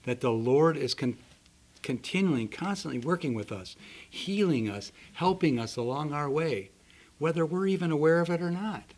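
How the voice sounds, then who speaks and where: Husky-voiced male preacher. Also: on the high side, expressive, normal speed, a little mellow. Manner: earnest storytelling with voiced characters. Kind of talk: sermon.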